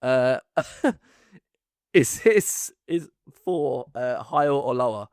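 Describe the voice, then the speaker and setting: A man's voice: medium pitch, expressive, takes it slowly, darkish tone, smooth, no room sound. Man who says th as f, dry sound. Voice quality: th-fronting, says th as f. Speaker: host of a film ranking quiz podcast. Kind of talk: casual chat and quiz hosting.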